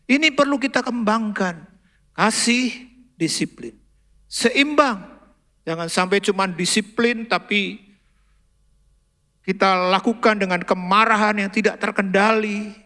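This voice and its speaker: A middle-aged male pastor with an Indonesian accent, preaching a sermon and telling family stories, moving from loud emphasis to soft asides. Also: high-pitched, a little slow, pauses often, long reverb tail. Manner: storytelling, acts out dialogue, swings from loud emphasis to soft asides. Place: large church hall.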